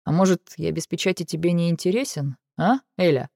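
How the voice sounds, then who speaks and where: A woman voicing a brooding, stubborn male dragon in an audiobook, speaking in a calm, dry, measured way. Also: on the low side, gravelly, dry recording. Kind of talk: audiobook character reading.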